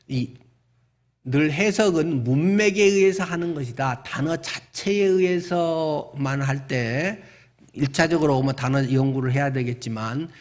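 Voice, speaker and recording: High-voiced male pastor preaching conversationally. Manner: conversational preaching with acted-out everyday dialogue. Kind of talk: sermon.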